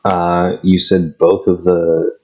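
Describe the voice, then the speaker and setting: A man plays a tabletop game, chatting with others in a casual, bantering way. His voice sits very low. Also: monotone, takes it slowly, a little mellow, lo-fi sound. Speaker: player.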